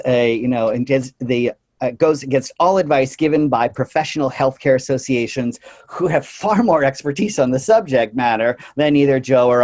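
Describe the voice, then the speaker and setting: A man giving an earnest conference talk about his slides, often pausing on "uh" and "you know" and briefly slipping into high mocking voices for quotes. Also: a little mellow. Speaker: conference presenter.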